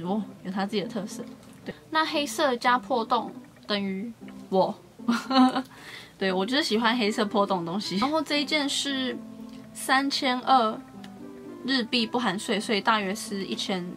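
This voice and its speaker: A woman's voice: medium pitch, fairly bright tone. A young woman, chatting casually and cheerfully as she shows the things she bought. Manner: chatty and upbeat, often stresses words by doubling them. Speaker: beauty and shopping vlogger. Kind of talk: casual haul vlog chat.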